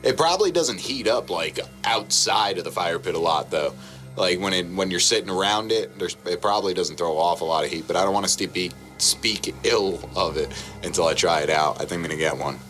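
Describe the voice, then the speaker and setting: A man co-hosting a casual chat show, rambling through explanations with relaxed swearing. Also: sits low, brisk, soft background music. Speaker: podcast co-host.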